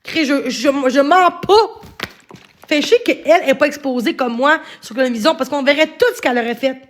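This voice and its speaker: A woman's voice: sits high, normal speed, slight background noise. A young woman with a Quebec French accent, ranting defensively on a livestream and stumbling over repeated words. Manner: agitated, defensive, stammering repeats. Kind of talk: upset livestream rant.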